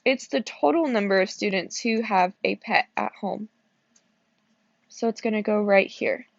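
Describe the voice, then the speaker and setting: Sleepy woman teacher, gravelly voice. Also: mid-range voice, unhurried, no room sound, lo-fi sound. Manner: explains step by step, checking in with "okay?". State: sleepy, yawning. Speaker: math teacher. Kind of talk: recorded classroom lesson walkthrough.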